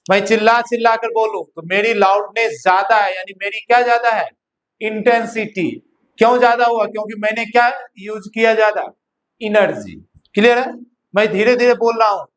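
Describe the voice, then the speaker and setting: A man teaching a physics class in a Hindi-English mix with an Indian accent, dictating notes slowly and often asking students whether they follow. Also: high voice, a little hiss or hum. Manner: slow dictation of notes, checks understanding with repeated questions. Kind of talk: classroom lecture.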